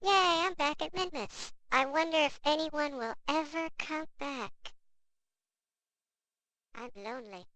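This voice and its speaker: A man voicing a small, whiny, sarcastic astronaut in falsetto, arguing back at himself as the player in an improvised game voice. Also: a little slow, pauses often, bright, forceful tone, dry recording, exaggerated voice. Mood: plaintive. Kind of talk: improvised gameplay character voice.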